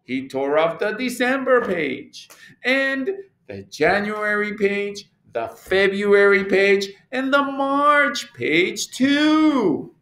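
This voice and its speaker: A man, a teacher, reading a children's picture book aloud with slow, animated storytelling. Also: high-pitched. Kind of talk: expressive children's read-aloud. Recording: echoey room.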